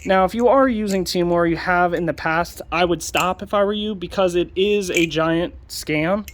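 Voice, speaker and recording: A man's voice: sits high, moderate pace, slight background noise. Young man, casual vlog commentary, sarcastic rant, filler-heavy. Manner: ranting, sarcastic, many fillers. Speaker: channel host.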